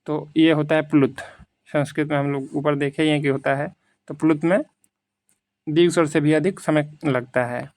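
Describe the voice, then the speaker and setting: A man teaching Hindi grammar through quiz questions. He reads out the options slowly, then explains them in casual, conversational Hindi. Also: a little high, fairly even intonation, a little mellow, dry recording. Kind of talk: quiz lesson, reading questions and explaining answers.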